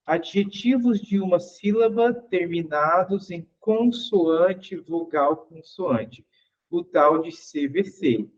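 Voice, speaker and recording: Slow, patient male English teacher. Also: sits high, dull audio. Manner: patient, asks the class questions, repeats each example. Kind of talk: explaining grammar in an online class.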